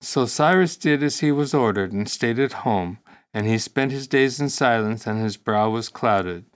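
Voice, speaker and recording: A man narrating a classic text for an audiobook, in a steady, measured reading voice. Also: medium pitch.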